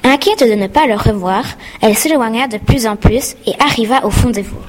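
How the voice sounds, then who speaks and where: A woman narrating a children's storybook in a clear reading voice. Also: fairly high pitch, fairly quick, slight background noise. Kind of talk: scripted narration.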